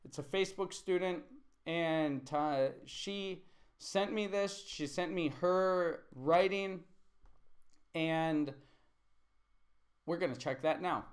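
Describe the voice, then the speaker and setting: Correcting a student's writing at his computer, a man teaching English on a live stream stays chatty and thinks out loud. He speaks slowly in a voice on the high side, pausing often.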